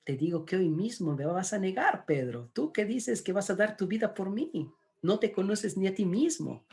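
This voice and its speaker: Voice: mid-range voice, animated, moderate pace, darkish tone, voice pushed up, close to an everyday voice. Preacher voicing Jesus, firm and knowing. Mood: rebuking. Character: Jesus, a grown man, calmly rebuking a friend.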